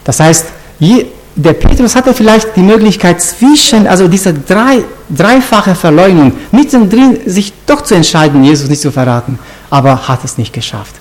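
A man's voice: high voice, lively intonation, moderate pace. A man preaching an informal Bible lesson, asking his listeners questions and restarting his sentences often.

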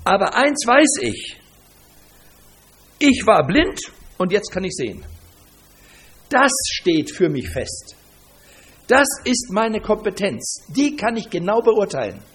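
A man's voice: high voice, very animated, slow, long pauses, fairly bright tone, heavily acted. A preacher voicing a steadfast healed young man. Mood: earnest.

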